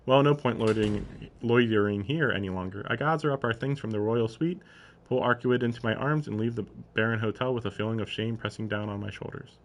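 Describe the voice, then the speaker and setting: On a live stream, a man with a lowish voice reads a story aloud at a slightly quick pace, with a little hiss or hum in the audio. Between passages he drops in casual, puzzled asides, questioning what he's just read.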